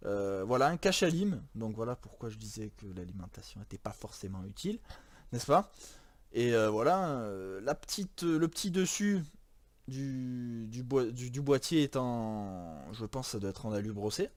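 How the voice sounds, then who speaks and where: A man's voice: mid-range voice, expressive, normal speed, dry recording. A man from France casually walking through a PC build, rambling with many fillers and self-corrections. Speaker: YouTuber presenting a PC build. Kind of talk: casual chat.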